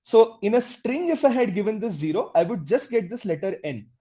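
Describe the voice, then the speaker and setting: With big pitch swings in a mellow, mid-range voice, an instructor briskly leads a live online coding class step by step. They put questions straight to the class and keep checking in with "okay?" and "right?", over dull, muffled lo-fi audio.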